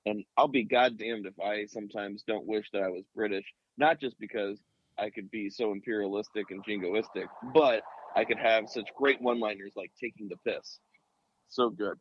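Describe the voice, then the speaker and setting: Wry, low-voiced male podcast co-host. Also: steady tone, normal speed, dry recording, muffled recording. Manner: wry, crude humor. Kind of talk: casual podcast chat.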